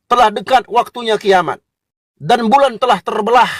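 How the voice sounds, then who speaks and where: Man, high voice, polemical preaching, mocking and combative, dry close sound. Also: moderate pace, dry recording. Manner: combative, mocking, addresses listeners as "kau". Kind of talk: polemical religious lecture.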